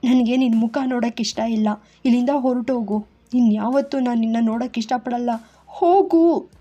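A woman's voice: fairly high pitch, normal speed, dull audio, natural voice. A woman voicing a tearful, furious young woman. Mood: tearful fury. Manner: shouting through sobs.

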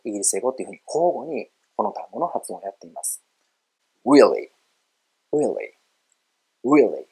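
In poor audio, a middle-aged man teaches English pronunciation through a casual video, friendly and explanatory, referring to himself as an old guy and stressing words heavily to demonstrate them. He has a lowish, husky voice with a darkish tone.

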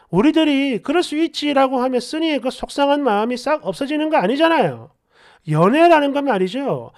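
A woman's voice: on the high side, darkish tone. A woman reading a story aloud in an indignant, confiding way. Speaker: story narrator.

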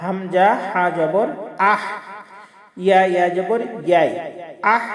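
A man teaching a prayer word by word, chanting each word slowly in a melodic way and then explaining the pronunciation rules quickly. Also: sits high, fairly bright tone, echoey room, in a large hall. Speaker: Quran recitation teacher. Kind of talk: word-by-word recitation lesson.

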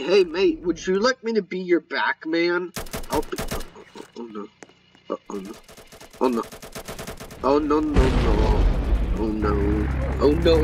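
A young man talks through his game in a slightly high, unhurried voice, swearing and grumbling at his teammates. He sits back from the mic, and faint game sounds hum behind him. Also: distant mic. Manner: swears often, exasperated muttering at teammates. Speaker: gamer streamer. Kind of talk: live gameplay commentary. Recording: mic set back, faint background noise.

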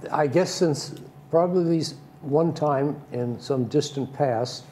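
Older man, mellow, hesitant storyteller. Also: on the high side, slight background noise. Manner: unhurried, hesitant with ums, dry humor. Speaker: bocce club member. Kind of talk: studio interview answers. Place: TV studio set.

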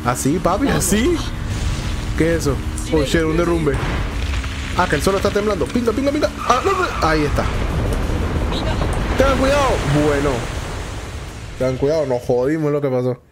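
A Venezuelan man talks over his game with a slightly high, swooping voice. He blurts out exclamations and slang and rattles off repeated words. Game music plays clearly behind him. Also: sing-song, normal speed, pauses often. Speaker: gameplay streamer. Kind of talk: excited gameplay commentary.

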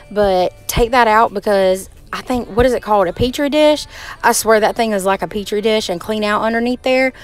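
A woman's voice: medium pitch, clean tone, low-quality recording. Brief: young Southern woman, folksy cleaning vlogger, camera mic in a small kitchen, faint music behind. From Georgia, US. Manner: chatty, folksy, talks to viewers while doing chores. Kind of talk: casual chat while cleaning. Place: small kitchen and living room of a trailer home.

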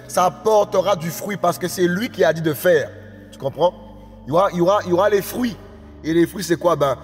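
A man preaching an evangelical sermon, often asking his listeners if they understand, dropping low and soft at phrase ends and rising to impassioned shouts. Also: long reverb tail. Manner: repeats "tu comprends?" often, drops low and quiet at phrase ends; rises to impassioned high shouts, speaking in tongues.

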